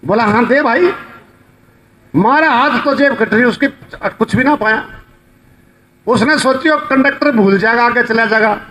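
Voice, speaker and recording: A man's voice: extremely high pitch, normal speed, sharp tone, rough recording. A man giving a mocking rally speech, spinning folksy stories to make his points. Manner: rhetorical, mocking, storytelling. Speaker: protest rally speaker. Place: outdoor protest rally.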